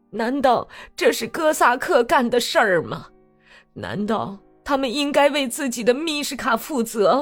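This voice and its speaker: A woman plays a pious old peasant woman, slow and drawn-out, her pitch rising and falling with indignation. Soft music sits under the storybook reading.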